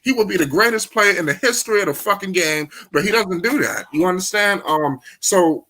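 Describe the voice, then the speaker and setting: Bright-voiced young man arguing basketball. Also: sits high, fairly quick. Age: 20s. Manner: animated, interrupts, swears freely. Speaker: show host. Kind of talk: casual sports debate.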